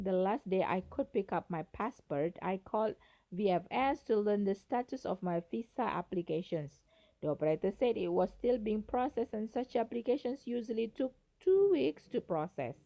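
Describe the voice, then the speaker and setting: A woman's voice: medium pitch, warm tone, low-quality recording. A woman with an Indonesian accent reads a written essay aloud, carefully and with the occasional stumble.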